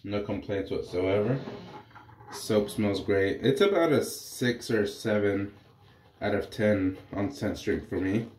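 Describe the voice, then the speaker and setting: Speaking slowly in a lowish voice over slight background noise, a congested man in his thirties gives relaxed vlog commentary on his shave. He reviews wet shaving, explaining to the camera as he goes in a small bathroom that echoes.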